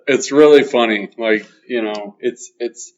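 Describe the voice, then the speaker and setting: A man's voice: medium pitch, a little slow, a little mellow, slight background noise. A man in his thirties hosting a podcast, teasing and joking with his guest, loose with fillers. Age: 30s. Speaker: podcast host. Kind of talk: casual podcast chat. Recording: muffled podcast audio.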